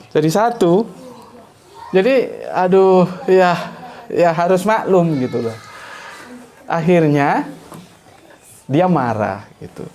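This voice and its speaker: A middle-aged preacher with a fairly high voice, telling a story in a loose, chatty way. He keeps folding casual asides and tags into his talk, like a teacher talking with his students. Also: darkish tone. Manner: chatty, anecdotal, frequent conversational tags and laughs. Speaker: Islamic preacher.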